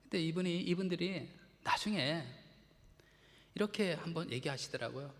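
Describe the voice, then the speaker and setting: A man's voice: on the high side, lively intonation, moderate pace, in a large hall. A man preaching a Sunday sermon, conversational, acting out little quotes and asking the congregation questions. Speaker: pastor. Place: church sanctuary.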